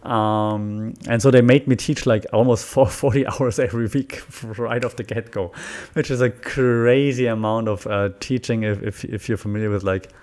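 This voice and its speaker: This casual solo podcast is hosted by a German man whose accent is German and whose voice sits fairly low, steady, slightly mellow, at a normal pace. He rambles, restarting often, using lots of fillers, and frequently laughing.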